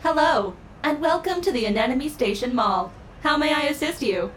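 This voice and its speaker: A woman voicing a polite, programmed female mall AI assistant in an audio drama, speaking in a too-smooth, calm customer-service manner. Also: high-pitched, normal speed, a little hiss or hum, poor audio.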